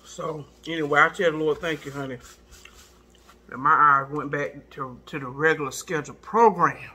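A middle-aged woman hosting a mukbang video chats casually while eating, chewing as she talks in a folksy, expressive way and repeating words for emphasis. Her voice is very bright and forceful yet sits low and husky, at a moderate pace.

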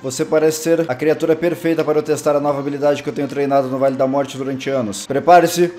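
A man's voice: fairly high pitch, steady tone, quick pace, dark tone, pitched below the performer's own voice, natural voice. A young man with a Brazilian Portuguese accent voicing a solemn cup-headed warrior master in mock-grandiose declamation.

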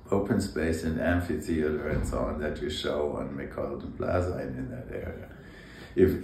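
Very deep-voiced older man, roomy sound. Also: darkish tone. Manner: thoughtful, measured, occasional hesitations. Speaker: architect and urban planner, interview guest. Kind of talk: conversational interview. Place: indoor room with brick walls. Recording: roomy echo, faint background hum.

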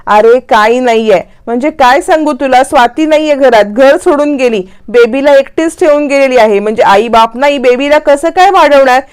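Panicky harsh mother-in-law, shrill and accusing, high-pitched, as a woman puts her on. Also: moderate pace, hardly any pauses, smooth, natural voice. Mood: panicked.

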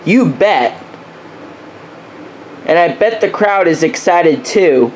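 A woman playfully voicing characters in a homemade toy video, lively and exaggerated. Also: lowish voice, takes it slowly, slight background noise.

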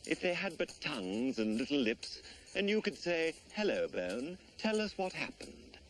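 A man's voice: a little high, big pitch swings, normal speed, a bit bright, slight background noise. A man narrating a mock nature documentary in a pompous, portentous manner.

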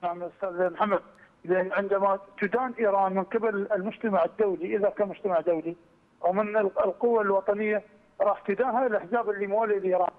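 Iraqi guy on a headset phone call, high voice, talks fast, thin tinny line w/ echo. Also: steady tone. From Iraq, Kirkuk. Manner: earnest, argumentative, fast. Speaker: caller. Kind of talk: call-in political comment.

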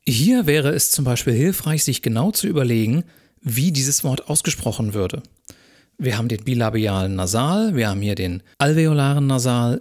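A calm male lecturer walks his viewers through exam questions one step at a time. His voice sits at an ordinary middle pitch, and his delivery is measured and methodical, like a recorded university lesson.

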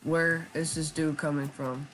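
A man giving casual live commentary while he plays a shooter game, talking in a flat, chatty way with lots of ums. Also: fairly high pitch, unhurried, soft background music. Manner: self-described monotone, chatty, with frequent ums. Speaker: gaming YouTuber.

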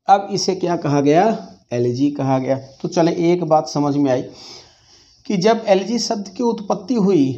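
A man's voice: fairly high pitch, mellow. A man teaching English literature in a classroom lecture, mixing Hindi and English and answering his own questions. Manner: dictates slowly, repeating key phrases. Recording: dull lo-fi classroom recording.

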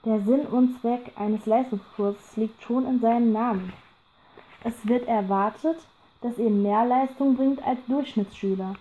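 A woman's voice: fairly high pitch, a little slow, warm tone, lightly acted, poor audio. A woman voicing a cold, strict male teacher who speaks in a cool, dismissive way.

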